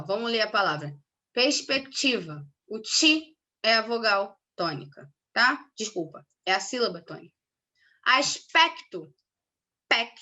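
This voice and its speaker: A woman's voice: a little high, bright, forceful tone. A young woman teaching a recorded grammar lesson, stressing key words and often checking in with her students.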